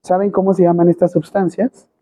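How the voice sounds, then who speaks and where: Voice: medium pitch, flat delivery, brisk, mellow. A teacher with a Mexican Spanish accent gives a classroom lecture and keeps quizzing the students with questions. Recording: tinny phone-quality recording.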